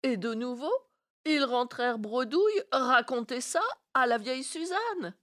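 Brief: woman storyteller, unhurried and expressive, a fairy tale read aloud. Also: high-pitched. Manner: slow and expressive. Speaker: narrator. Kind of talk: storybook reading.

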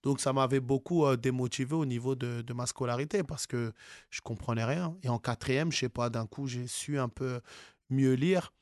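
A man's voice: medium pitch, moderate pace, no room sound, clean studio sound. A man from France, an author being interviewed, speaking casually with many fillers and restarts.

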